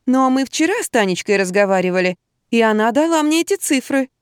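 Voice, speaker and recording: A woman reading an audiobook, voicing a frightened, timid female friend who pleads softly over the phone. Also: a little high, expressive, brisk, clean tone, dry recording, studio quality, lightly acted. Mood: insistent.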